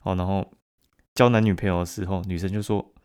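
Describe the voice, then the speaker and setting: A man with a Taiwanese Mandarin accent talks casually on his solo podcast. His voice sits very low and deep. He is blunt and full of swearing, and he laughs at his own stories. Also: steady tone, brisk, clear, resonant tone. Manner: bursts louder and higher when mimicking others. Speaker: podcast host.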